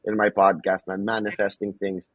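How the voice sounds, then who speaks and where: Male podcast host, husky and casual, dull lo-fi dry sound. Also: lowish voice, completely flat delivery, normal speed, dry recording. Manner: laid-back, peppers speech with bro and man. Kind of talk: casual interview chat.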